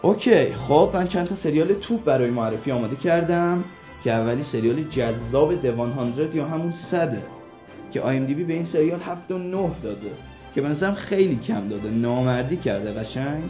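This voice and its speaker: A man's voice: a little high, animated, music in the background. A man co-hosting a radio show, recommending series in a casual, teasing banter. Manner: teasing, joking.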